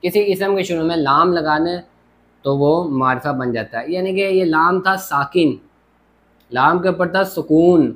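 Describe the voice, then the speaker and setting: A man's voice: fairly high pitch, a little slow, a bit bright. A man teaching a grammar lesson at a board, explaining step by step and often checking with "theek ho gaya". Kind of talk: classroom lecture at a board.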